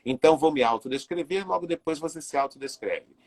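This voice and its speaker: A man's voice: fairly high pitch, a little fast, darkish tone. A man in his sixties hosting a live video interview, chatty and full of fillers as he greets viewers. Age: 60s. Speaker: interviewer and live show host.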